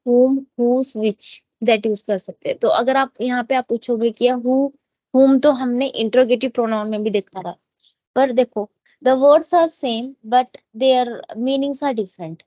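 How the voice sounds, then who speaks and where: Female grammar teacher, slightly high voice, unhurried delivery, dull dry recording. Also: mellow, no room sound. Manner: explains in Hindi, reads English examples slowly. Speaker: English teacher. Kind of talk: grammar lesson.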